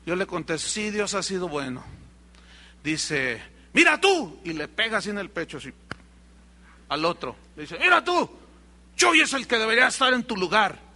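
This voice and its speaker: A man's voice: high-pitched, animated, moderate pace, bright, forceful tone. A middle-aged male pastor with a Mexican accent, preaching a sermon, telling a story and acting out the dialogue while speaking straight to his congregation. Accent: Mexican Spanish. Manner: storytelling, acts out quoted dialogue, addresses congregation directly.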